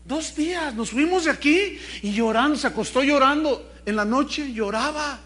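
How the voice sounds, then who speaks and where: A man's voice: high-pitched, sing-song, drawn-out words, a bit bright, exaggerated voice. A man preaching voices a worried mother telling her pastor about her daughter, in an earnest, anxious tone. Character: worried mother of a young girl.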